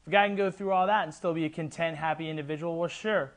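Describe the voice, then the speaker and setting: A drily unworried resident, acted by a man chats in a spoof interview. The voice is a little high, the delivery offhand and wry. There is faint background noise. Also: steady tone, fast, lightly acted. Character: nonchalant male Los Angeles resident, drily unworried. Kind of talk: mock casual interview.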